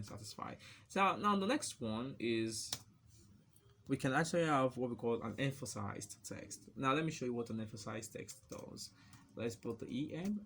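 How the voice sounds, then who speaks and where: A man's voice: medium pitch, a bit bright, a little hiss or hum. A man giving a casual, chatty coding lesson, joking and laughing at himself as he types and explains. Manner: chatty and playful, laughs at his own jokes. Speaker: coding tutor.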